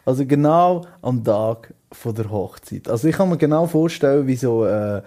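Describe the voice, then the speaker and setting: A podcast co-host with a Swiss German accent who laughs often and tells stories in an animated way. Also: mid-range voice, normal speed. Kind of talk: casual chat.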